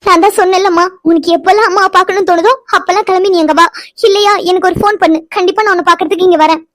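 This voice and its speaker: A caring, motherly woman in a cartoon story, voiced by a woman, gentle yet firm and affectionate. Her voice is very high and her speech quick. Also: fairly even intonation. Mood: tender. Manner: soothing, affectionate. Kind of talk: cartoon voice acting.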